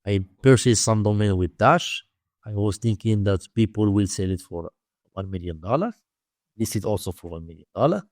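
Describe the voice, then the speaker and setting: A lowish, expressive, slightly mellow male voice is captured in a dry recording, with a Moroccan accent. The speaker, an interview guest who teaches domain investing, tells conversational stories in halting English that repeats itself.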